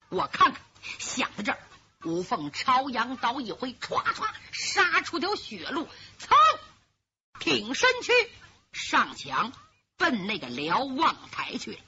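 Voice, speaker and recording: Woman doing old-style storytelling, high lively voice, kinda lo-fi. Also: slight background noise. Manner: animated, with sound effects. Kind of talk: traditional pingshu storytelling. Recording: lo-fi, dull recording.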